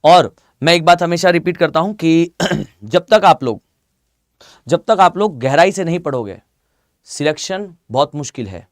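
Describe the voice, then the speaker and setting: A man's voice: on the high side, expressive, unhurried, dry recording, studio quality. A male geography teacher giving a live exam-prep lecture in a conversational, repetitive way with many fillers. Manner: conversational, repeats himself, lots of fillers.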